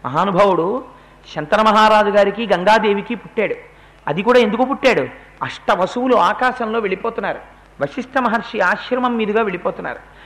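High, bright male storyteller. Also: fairly quick. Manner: animated, acts out the quoted speech. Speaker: religious discourse speaker. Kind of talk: epic storytelling discourse.

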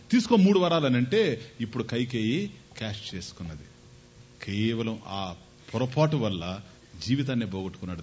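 A man delivers a spiritual discourse, his pitch rising and falling in an animated way as he tells a scriptural story and asks his listeners questions. The recording sounds a little dull and carries a faint low rumble behind him. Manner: animated storytelling, voicing figures, rhetorical questions. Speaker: spiritual lecturer.

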